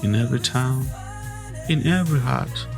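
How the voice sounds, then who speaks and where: A man from Zimbabwe hosting a podcast, talking in a slow, earnest and reflective way with restarts. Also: medium pitch, creaky, music in the background. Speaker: podcast host.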